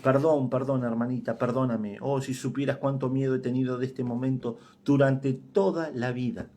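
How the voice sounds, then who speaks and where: A man's voice: medium pitch, fairly even intonation, moderate pace, slight background noise, close to an everyday voice. A man with an Argentine accent voicing a dying woman who confesses to her sister in a faltering, urgent voice. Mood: hushed confession. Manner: faltering, hushed, urgent pleading.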